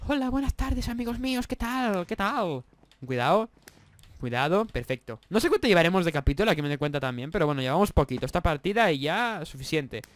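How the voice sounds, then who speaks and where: Lively, high-voiced young Spanish gamer. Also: male voice, quick pace, hardly any pauses, dry recording. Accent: Spanish from Spain. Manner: rowdy, swearing, mock-apologetic. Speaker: gaming YouTuber. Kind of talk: gameplay commentary.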